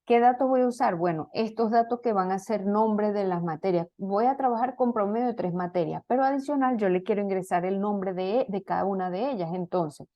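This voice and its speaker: A woman's voice: medium pitch, highs cut off. A woman teaching a programming class, walking students through code step by step and checking in with frequent questions of "¿ok?". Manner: explains step by step, many fillers and restarts, asks "¿ok?". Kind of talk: online class lecture.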